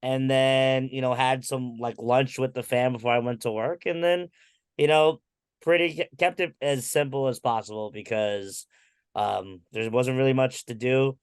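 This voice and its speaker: A man's voice: mid-range voice, steady tone, normal speed, clean tone. Easygoing male podcast co-host. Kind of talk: casual chat.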